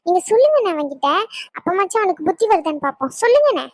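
A woman's voice: very high voice, sing-song, racing, dry recording. A woman voicing a chatty, boastful young woman who plays the little sister in a cartoon, teasing and gushing as she talks.

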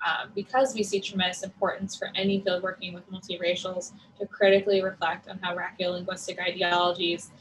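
A woman presenting research on a video call, speaking in a measured way as if reading from slides. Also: fairly low pitch, fairly bright tone, slight background noise, rough recording. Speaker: academic presenter. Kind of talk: conference presentation. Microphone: video call with earphones.

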